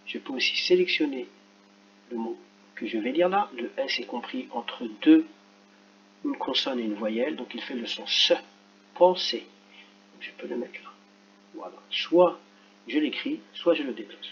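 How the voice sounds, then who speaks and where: A man talks children through a phonics correction, slow and careful, sounding out each letter. His voice sits at an ordinary pitch. The recording is a little dull, with a faint hum underneath. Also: animated, fairly bright tone. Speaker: teacher. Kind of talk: screen-recorded lesson correction.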